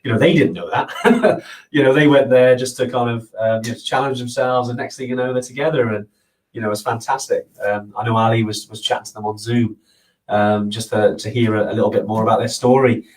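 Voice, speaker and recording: A man's voice: medium pitch, steady tone, a little fast. Earnest rambling man, slightly distant mic. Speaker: host of a trekking live show. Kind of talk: casual live Q&A chat. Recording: voice a bit far from the mic.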